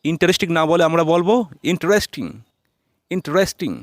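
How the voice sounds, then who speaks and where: A man's voice: on the high side, a little fast, no room sound, clean studio sound. A man teaching English pronunciation, quizzing a helper and repeating each word twice. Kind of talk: classroom-style pronunciation lesson.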